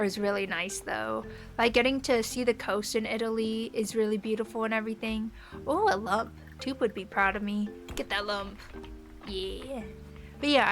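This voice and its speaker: Chatty young woman, slightly high voice. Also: a bit bright. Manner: chatty and rambling, many "like" fillers, light laughs. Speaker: streamer. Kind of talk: casual chat with a live stream audience.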